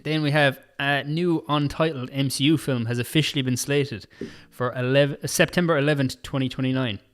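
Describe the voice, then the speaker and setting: A man's voice: medium pitch, steady tone. A man co-hosting a podcast, running through entertainment news in casual, chatty talk full of "like". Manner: chatty, quick news roundup with frequent "like" and laughs. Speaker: podcast co-host. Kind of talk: casual chat.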